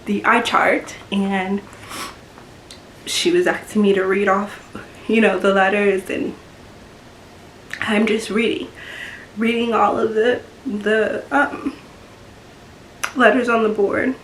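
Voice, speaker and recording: A woman telling a personal story-time vlog, halting and full of fillers, sometimes getting emotional. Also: mid-range voice, little pitch movement, a bit bright. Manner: halting, lots of fillers and restarts, emotional at times. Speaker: beauty vlogger. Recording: echoey room with faint background noise.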